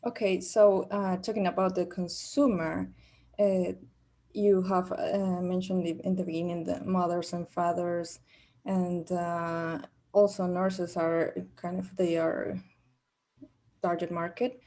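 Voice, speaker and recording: A young adult job candidate from Peru, speaking English as her second language with a Spanish accent, answers questions in a practice job interview. Her voice is a little low, flat, mellow, and dark-toned. She hesitates frequently, restarting phrases and filling gaps with "uh" and "um."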